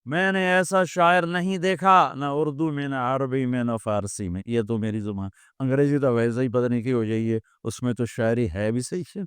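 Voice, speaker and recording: Older male preacher, storytelling sermon style, resonant and clear, dry close-miked sound. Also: mid-range voice, fairly even intonation, few pauses, a bit bright, no echo. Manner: storytelling with acted quotes and recited Persian verse. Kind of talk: religious sermon.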